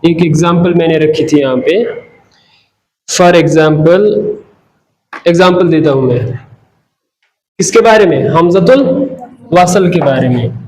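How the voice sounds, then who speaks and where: A man's voice: a little high, slow, long pauses, a little mellow. A man teaching an Arabic class at a whiteboard. He mixes English phrases into his explanation and often asks the class questions, then answers them himself. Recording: echoey classroom with faint background noise.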